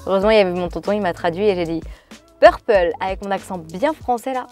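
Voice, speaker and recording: A woman vlogger chatting casually, reading out viewers' stories and reacting to each one in an animated way. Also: medium pitch, rapid-fire, faint music behind.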